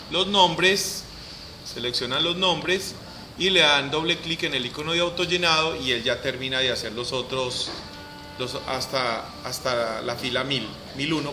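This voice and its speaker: A man teaching a software lesson, repeating each step aloud as he works. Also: mid-range voice, background noise. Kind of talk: screen-recorded software lesson.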